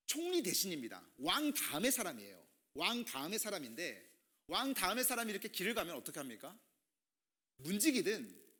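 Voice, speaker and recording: Animated high-voiced man preaching to teens. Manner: animated, acts out quoted greetings and grumbles. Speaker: youth pastor. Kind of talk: youth sermon.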